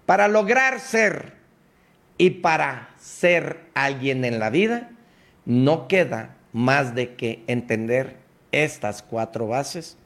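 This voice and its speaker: A man gives a motivational radio talk in a preachy, emphatic way, speaking straight to the listener. He talks slowly and deliberately, and his voice sits a little above the usual male range. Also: a little high, a bit bright.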